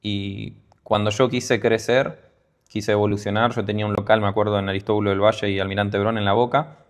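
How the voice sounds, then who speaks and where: A man's voice: on the low side, little pitch movement, brisk. A Peruvian-born man with a Rioplatense Spanish accent, a guest telling his business story in a casual interview, full of fillers and restarts. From Peru. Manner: hesitant, many fillers and restarts. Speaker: guest entrepreneur.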